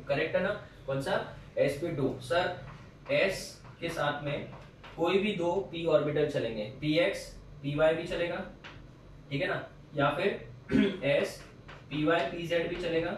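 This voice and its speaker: Male teacher, fairly high voice, quizzing his class and answering for them; roomy, distant mic. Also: slight background noise. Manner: explains step by step, quizzes the students and answers for them. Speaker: chemistry teacher. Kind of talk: classroom lecture.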